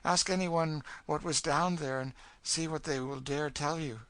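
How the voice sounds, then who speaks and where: Voicing a bitter storybook woman who has lost all hope, a male reader raises his pitch and speaks in a hard, forceful tone. She comes across world-weary and fatalistic, stressing her words with fairly even intonation at a measured pace, in an ominous mood on a dry recording.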